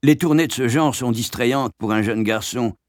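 A man narrating a memoir as a scripted audiobook, with a calm storytelling delivery. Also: medium pitch, normal speed, dry recording, clean studio sound.

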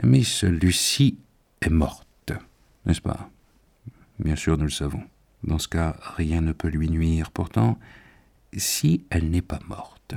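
A man voicing a grave, patient old professor in a storybook reading, speaking in solemn, measured tones. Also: low-pitched, creaky, mellow.

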